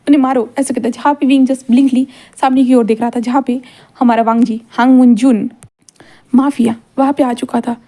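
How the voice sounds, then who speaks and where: A woman's voice: fairly high pitch, dark tone. A woman retelling a fan fiction story in a rambling way, repeating linking phrases.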